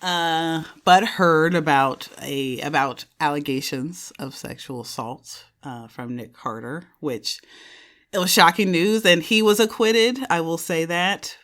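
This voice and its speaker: A woman's voice: low voice, a little slow, a bit bright. A woman in her thirties, a podcast host sitting in as the guest, chatting casually and rambling, correcting herself and laughing often.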